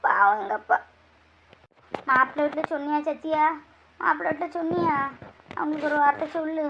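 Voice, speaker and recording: A woman voicing a worried middle-aged mother who laments and pleads slowly about her sick husband. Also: high-pitched, fairly even intonation, noisy background. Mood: lamenting. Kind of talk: amateur family skit. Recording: dull lo-fi recording.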